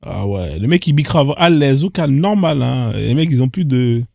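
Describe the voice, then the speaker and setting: Animated man riffing on odd clips. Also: medium pitch, normal speed, vocal fry, no echo. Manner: incredulous, firing rhetorical questions in street slang. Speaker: host reacting to social media clips. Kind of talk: casual reaction commentary.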